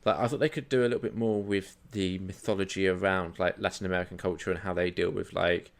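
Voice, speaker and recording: Low-voiced easygoing man. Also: fairly even intonation, quick pace. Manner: easygoing, lots of agreeing yeahs, explains plot step by step. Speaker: podcast co-host. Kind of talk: casual film discussion.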